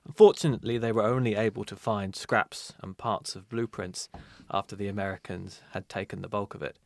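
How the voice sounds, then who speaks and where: A man co-hosting a history podcast, narrating events in a steady, measured way. His voice sits fairly low. The sound is dry and close. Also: gravelly, dry recording. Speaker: podcast co-host. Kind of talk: reading history notes in casual podcast.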